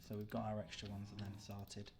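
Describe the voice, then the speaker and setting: Young British streamer, low-pitched, rambling casual chat with viewers. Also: male voice, monotone, fairly quick, background noise. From Britain. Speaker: livestreamer. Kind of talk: casual chat while gaming live.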